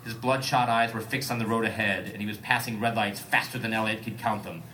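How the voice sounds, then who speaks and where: A man's voice: on the low side, steady tone, a little fast, bright, forceful tone, a little hiss or hum. A man reading a story aloud for comedy and breaking off to joke and ad-lib. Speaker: comedic reader.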